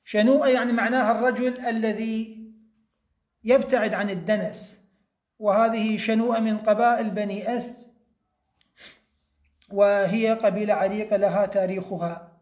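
High-voiced man teaching in an echoey room. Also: fairly even intonation, a little mellow. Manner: explains step by step, repeats key points, slows down to spell out examples. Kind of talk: Arabic grammar lesson.

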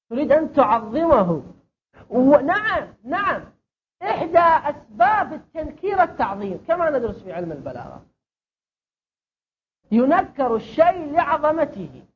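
A woman teaching a class, asking questions and answering them herself as she explains. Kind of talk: classroom lesson on Arabic grammar and rhetoric. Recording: dull lo-fi recording with faint rumble.

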